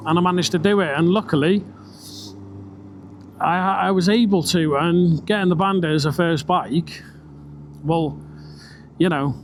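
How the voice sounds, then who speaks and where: British male motovlogger, higher-pitched voice, talking inside a helmet, casual rambling chat, sweary, clear engine and wind noise. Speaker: vlogger. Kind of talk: casual ride-along motorbike vlog chat. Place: outdoors, riding a motorbike on country roads. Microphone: microphone inside a helmet. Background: motorbike engine and road noise.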